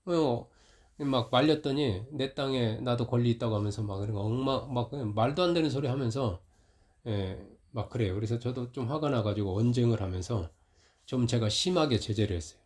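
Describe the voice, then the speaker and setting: A middle-aged male pastor giving a conversational sermon in a church, telling a story that gets louder when he retells a quarrel. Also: medium pitch, a little fast. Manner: storytelling, rising loud when retelling conflict.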